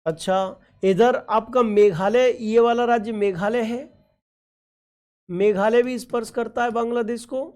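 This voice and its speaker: A woman teaching a geography lesson with a fairly high voice. She fondly calls her students children and keeps asking them questions. She repeats key points and checks in with "okay" after nearly every step. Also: fairly even intonation, unhurried, a little mellow. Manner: affectionate, addresses students as children; repeats and quizzes, frequent "okay ji" check-ins. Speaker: exam-prep teacher. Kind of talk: online geography lesson over a map.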